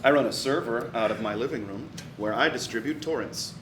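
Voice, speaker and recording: A man acting as sommelier at a live comedy show, explaining wines in a deadpan way and slipping in absurd asides without changing tone. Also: medium pitch, a little fast. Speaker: sommelier guest. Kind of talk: live comedy wine tasting. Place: small live venue on stage. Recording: roomy live venue, from far off, noisy.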